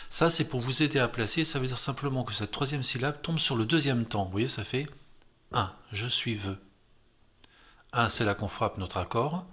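A man's voice: medium pitch, fairly quick, hardly any pauses, bright, forceful tone. A man with a French accent teaching a beginner guitar lesson, explaining chords step by step and counting beats aloud.

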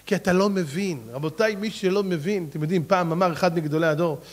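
High-voiced rabbi giving a lively sermon. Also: male voice. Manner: animated storytelling, often addresses listeners as "gentlemen"; repeats syllables when searching for words.

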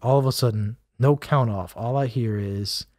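A man guest on a podcast, telling a casual story with animated delivery, acting out other people's lines and scatting melodies. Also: mid-range voice, moderate pace, dry recording, clean studio sound. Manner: animated, acts out quotes and scats melodies. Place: podcast recording.

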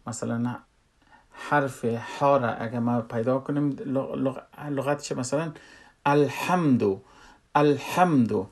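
Man, tajweed teacher, mid-pitched, plain explanatory delivery, drills example words. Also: flat delivery, a little mellow. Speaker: Quran recitation teacher. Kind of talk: spoken tajweed lesson.

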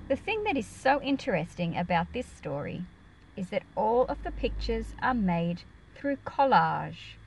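Speaking at medium pitch, a woman reads and explains a picture book to kids in a careful, teacherly way, enunciating clearly for them. The audio is poor, with a little hiss or hum.

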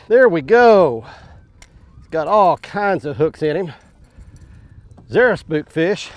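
A man hosting a fishing show from a bass boat, exclaiming as the fish hit. His voice sits a bit high. He is recorded outdoors on open water with a clip-on mic. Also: dry recording. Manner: excitable, exclaiming while fighting fish. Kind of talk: excited on-the-water commentary.

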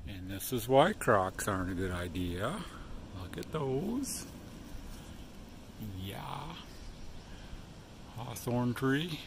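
On an outdoor walk from a rural hostel up to open hilltop meadows, a middle-aged hiker narrates his vlog into a handheld phone in a laid-back, meandering way. Fillers and drifting pauses are frequent, his pitch is medium, and the background is noisy.

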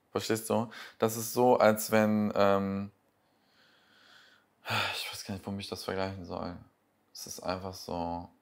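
A man's voice: fairly low pitch, creaky. A man giving casual reaction commentary, sarcastic and exasperated, rambling as he picks apart what he watches.

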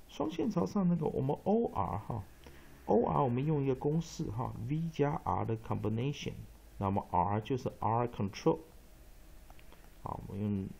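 Slow, gravelly male phonics teacher. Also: medium pitch, dark tone. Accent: Taiwanese Mandarin. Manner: drawn-out, repeats letters and rules, frequent "啊" and "哈" fillers. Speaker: English pronunciation teacher. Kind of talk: phonics lesson explaining spelling patterns.

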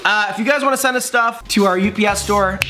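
A chatty man hosts a casual food review in an upbeat way. His voice sits fairly high. Music plays clearly under his talk. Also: fast talker. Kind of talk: casual chat.

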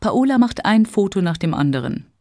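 A woman narrating a story slowly and clearly for language learners. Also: mid-range voice, sing-song, warm tone, no echo, studio quality. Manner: clear, careful.

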